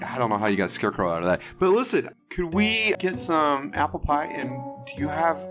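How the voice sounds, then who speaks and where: Guy playing tabletop rpg, lively teasing banter, music behind. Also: on the high side, brisk. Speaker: player in a tabletop game. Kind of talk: casual, bantering game chat.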